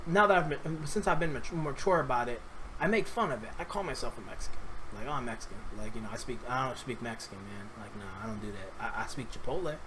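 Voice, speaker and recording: A man's voice: medium pitch, expressive, fast talker, noisy background. A man from New York speaking casually to camera, rambling and earnest, often repeating and restarting his words. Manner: earnest, opinionated. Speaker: vlogger.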